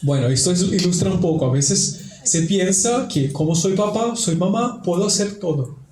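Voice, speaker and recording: A man's voice: sits high, animated, moderate pace, a little mellow. A man speaking as a priest in religious talk and prayer, in a didactic way with repeated phrases, in an echoey, cathedral-like room. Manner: didactic, repeats phrases for emphasis, tag questions. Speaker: priest giving a family workshop. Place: large reverberant indoor room. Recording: echoey cathedral-like room, faint background noise.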